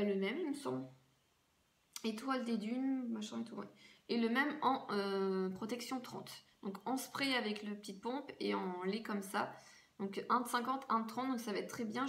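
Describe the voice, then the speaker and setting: A woman's voice: on the high side, a bit bright. A French woman chatting casually through a haul video, rambling and full of fillers. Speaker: beauty vlogger. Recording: echoey room with faint noise.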